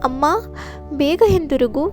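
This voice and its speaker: A woman's voice: high-pitched, unhurried, warm tone, faint music behind. A little calf in a storybook, read by a woman. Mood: pleading. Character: young calf, a little son.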